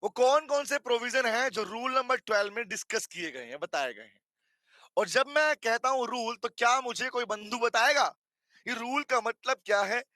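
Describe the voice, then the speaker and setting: A man's voice: very high voice, animated, normal speed, pushed and bright, no echo. A man with an Indian accent teaching a live online class, chatty and teasing his students, with a sore throat. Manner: chatty, teasing, mixes Hindi and English.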